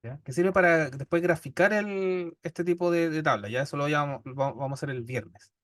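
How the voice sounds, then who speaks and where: A man's voice: fairly high pitch, normal speed, fairly bright tone, no room sound. A man with a Chilean accent teaching a statistics class, explaining step by step and often checking in with his students. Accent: Chilean Spanish. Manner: patient, checks in constantly with "¿ya?". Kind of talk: classroom lecture.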